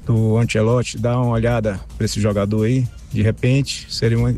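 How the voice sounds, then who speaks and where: Man, radio caller, gravelly, mellow tone, casual, distant line with faint music. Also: lowish voice, level tone, normal speed. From Brazil. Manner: casual, polite.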